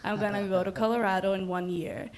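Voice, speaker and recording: A woman's voice: medium pitch, flat delivery, fast, darkish tone. A young woman from the Dominican Republic, a singer, chatting as a guest in a casual livestream interview, bubbly with many ums. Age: young adult.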